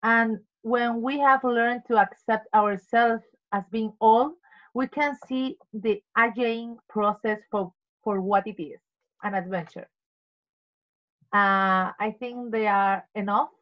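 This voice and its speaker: A woman's voice: on the high side, steady tone, slow. A woman presenting in an online meeting in careful non-native English, explaining and reading out definitions. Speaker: meeting member presenting word of the day. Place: video call. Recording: dull video-call audio.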